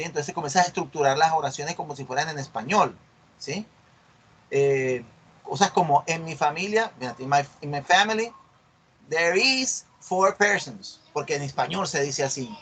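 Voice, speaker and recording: A man's voice: fairly high pitch, slightly rough. Patient man lecturing students. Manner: explains patiently, checks understanding with frequent tag questions; drills English words slowly and loudly in repetition. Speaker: university teacher. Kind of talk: explanatory lecture on online class.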